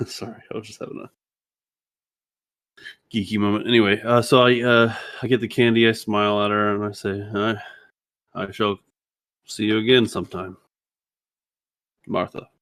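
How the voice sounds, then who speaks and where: Low-voiced playful man role-playing. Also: level tone, normal speed, pauses often, a bit bright, dry recording, studio quality. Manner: playful, laughs often. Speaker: tabletop game player. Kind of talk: in-character role-play.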